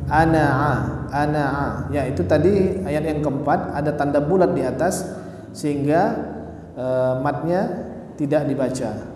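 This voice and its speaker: A man teaching Quran recitation, patiently correcting students and modelling sounds slowly. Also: fairly high pitch, noisy background. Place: mosque hall. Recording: roomy, echoey mosque hall.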